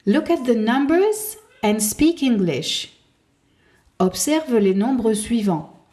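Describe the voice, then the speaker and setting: Slow, very deliberate woman teaching English. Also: a little high, animated, dark tone. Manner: slow and carefully enunciated, modelling words to repeat. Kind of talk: slow, deliberate language lesson.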